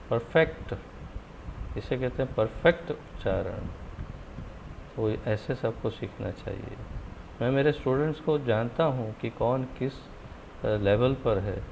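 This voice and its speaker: Gravelly male teacher running an online scripture class, firm and encouraging, muffled call audio with faint hiss. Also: mid-range voice, a little mellow.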